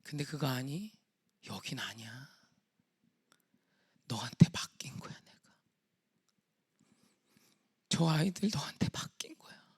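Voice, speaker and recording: A man voicing God as a fatherly figure, speaking in a hushed whisper within a sermon. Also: mid-range voice, sing-song, slow pace, long pauses, breathy edge, voice pushed down, heavily acted. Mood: tender.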